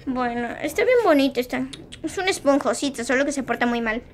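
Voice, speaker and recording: A woman vlogging at home with her pet rabbit, giggly, excitable and chatting with her viewers. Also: high voice, quick pace. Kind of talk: casual home vlog.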